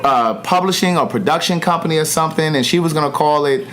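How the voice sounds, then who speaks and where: A man's voice: fairly high pitch, quick pace, fairly bright tone. A man in his forties hosting a podcast, giving opinions in an emphatic way and repeating his points. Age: 40s. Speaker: podcast host. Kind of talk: casual conversation.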